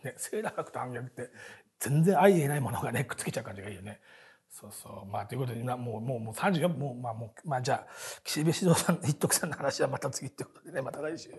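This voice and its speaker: Man, 40s, talk host, very husky voice, lively pitch, rambling, lots of fillers, laughs a lot. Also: fast. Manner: chatty storyteller, many fillers and restarts; laughs often while talking. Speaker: podcast host. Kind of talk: casual rambling monologue.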